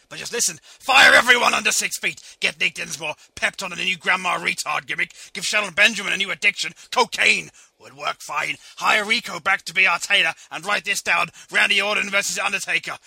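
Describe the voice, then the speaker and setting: A man's voice: sits high, brisk, vocal fry, hardly any pauses, pushed and bright, breathy edge, no echo, heavily acted. A man voicing a blustering middle-aged wrestling boss who barks orders and proclamations, in a comedy podcast reading. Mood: commanding. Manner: barking orders.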